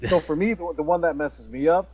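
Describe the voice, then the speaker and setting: A man's voice: fairly high pitch, a little fast, crowd noise, rough recording. A man co-hosting a podcast in laid-back casual chat, often saying "dude". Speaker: podcast co-host.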